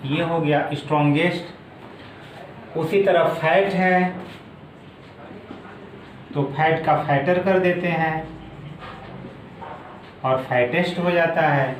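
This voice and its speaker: A man teaching English grammar in a video lesson, going slowly step by step and repeating each word form. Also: fairly high pitch. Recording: echoey room with faint background noise.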